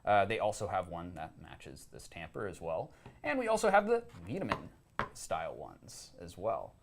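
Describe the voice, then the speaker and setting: A young man co-hosting a coffee gear show, explaining equipment in a relaxed, casual way with frequent ums and uhs. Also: low-pitched, normal speed, vocal fry, noisy background. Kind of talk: casual product chat.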